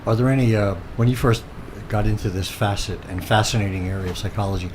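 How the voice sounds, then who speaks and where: A man, a college dean, hosting a radio interview with professors and talking casually, with many pauses and fillers. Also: on the low side, noisy background.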